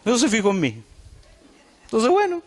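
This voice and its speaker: Lively, high-voiced Chilean pastor preaching. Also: male voice, moderate pace. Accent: Chilean Spanish. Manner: lively, conversational preaching with asides to the congregation. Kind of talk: sermon. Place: church.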